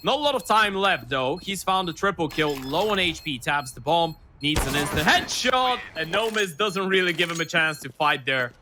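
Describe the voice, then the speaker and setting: A man's voice: on the high side, lively intonation, moderate pace, few pauses, noisy background. A man casting a live esports match, calling and explaining the action in a conversational way. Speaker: esports caster. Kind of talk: live esports commentary with analysis. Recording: clear gunfire and clicks behind voice. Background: game gunfire and clicks.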